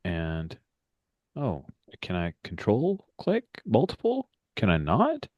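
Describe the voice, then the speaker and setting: A man's voice: lowish voice, huge pitch swings, slow, a little mellow, dry recording, lo-fi sound. A man playing a tabletop game online, hesitant and asking questions while describing his character's actions. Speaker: player. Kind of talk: tabletop roleplaying chat.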